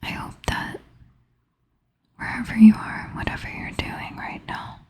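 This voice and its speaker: A tired woman whispering softly and slowly to the listener in a relaxed, intimate ASMR chat, sometimes slipping into a soft half whisper. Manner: soft, slow, intimate whispering with gentle laughs. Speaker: ASMR creator.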